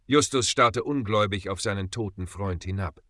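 A man narrating a dark adventure audiobook in a grave, dramatic storytelling manner. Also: on the low side, moderate pace, no room sound, studio quality.

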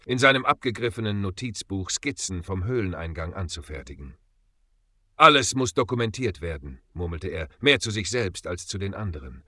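A man narrating a dark adventure story with dramatic emphasis. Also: lowish voice, no echo. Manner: dramatic, rising and falling emphasis.

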